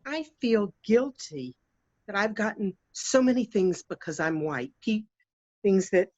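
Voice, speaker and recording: An actress playing a sincere, halting nursing-home resident. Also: female voice, mid-range voice, animated, a little mellow, dry recording, highs cut off.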